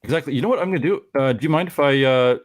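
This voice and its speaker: Speaking very fast at medium pitch with no echo, this Canadian man in his forties runs a live stream. He rambles casually and keeps breaking off his own sentences with jokes.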